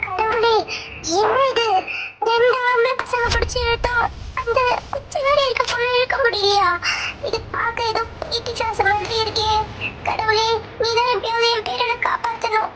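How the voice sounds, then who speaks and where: A woman's voice: very high-pitched, flat delivery, normal speed, background noise. A woman voicing a fretful old grandmother in a cartoon who dotes on her grandson and prays aloud for him. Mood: pleading. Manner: pleading, praying aloud.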